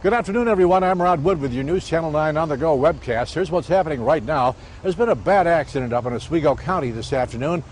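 A man's voice: on the high side, expressive, quick pace, hardly any pauses. An older man anchoring a news webcast outdoors. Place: outdoors by a building. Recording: loud outdoor noise, bleeps.

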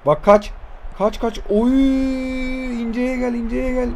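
A young man in his twenties calls his own football video game match as he plays, his voice sitting high and jumping between muttered grumbles and sudden shouts. He talks fast and loose, cursing at the players and pleading with them to score. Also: slight background noise. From Turkey. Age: 20s. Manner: excitable, swears and shouts at the game. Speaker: gaming YouTuber. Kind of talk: live gameplay commentary.

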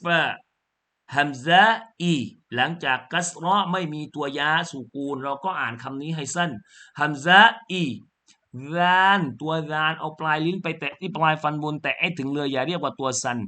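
A man teaching Quran reading in a lesson, spelling out syllables slowly, correcting pronunciation and chanting the verse in a melodic tone. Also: on the high side, pushed and bright.

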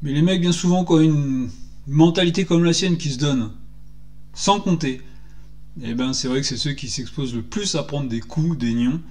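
A man in his forties delivers an animated, indignant solo rant and keeps firing rhetorical questions. His voice sits a little high for a man. He speaks into a desk microphone in a small indoor room. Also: moderate pace. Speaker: football commentator vlogger. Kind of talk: solo opinion vlog. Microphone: desk microphone on stand.

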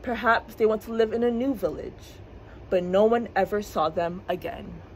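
A woman librarian reading a storybook aloud for children's story time with clear, expressive delivery. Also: mid-range voice, normal speed, a little hiss or hum, poor audio. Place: public library.

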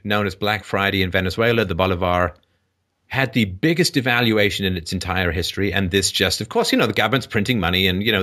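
Male call-in host, low but forceful and sharp, lecturing with sarcastic asides. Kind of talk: explanatory monologue to a caller.

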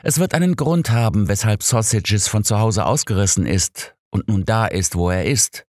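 A man's voice: fairly low pitch, normal speed, darkish tone, no room sound, studio quality, pitched above the performer's own voice, lightly acted. A man voicing a stubborn, easily offended older doctor who sulks and protests. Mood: indignant. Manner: indignant, sulky. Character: stubborn, touchy older male doctor companion.

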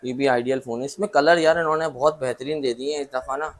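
A man with a Pakistani Urdu accent sells phones from a busy market shop. He runs through specs and prices at a steady clip, tagging "okay?" onto each point. His voice sits at an ordinary middle pitch. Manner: brisk, lists specs, repeats "okay?" to check understanding. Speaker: mobile phone shopkeeper. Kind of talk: sales pitch to camera.

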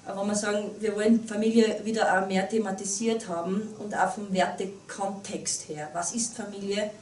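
In a small meeting room, a woman in her thirties speaks as a guest at a public talk, earnest and full of fillers and restarts, with an Upper Austrian accent. Her mid-range voice has a darkish tone, fairly even intonation, and a moderate pace. The recording comes from a far camera, roomy and distant, with slight hiss or hum.

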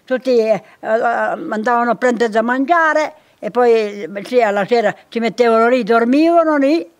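An older woman, telling local stories in halting speech that often repeats itself. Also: fairly high pitch. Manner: halting, repetitive, searching for words. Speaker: local storyteller. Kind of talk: casual reminiscing chat.

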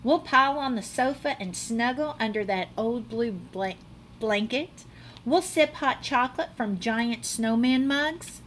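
With a voice that runs a little high, a middle-aged woman gives a teacher-like reading of a children's picture book, animated and dramatic, stretching out words. The recording, made in a small indoor classroom, carries a faint hiss or hum.

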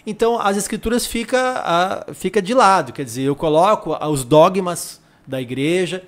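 A man's voice: high voice, animated, normal speed. A Brazilian man with a Brazilian Portuguese accent hosting a casual talk, chatting in a rambling way with many fillers. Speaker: host. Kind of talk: casual chat.

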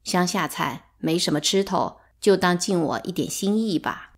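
A kindly old village woman from a storybook, humble and soft-spoken, as a woman reads her part. She talks in a gentle, apologetic way. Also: lowish voice, expressive, moderate pace.

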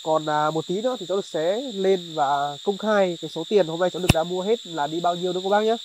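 A man's voice: high voice, brisk, background noise. Polite man vlogging outdoors. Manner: polite, addresses viewers often, many fillers. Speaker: charity vlogger. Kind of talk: vlog narration and chat on location. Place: outdoors in a highland village.

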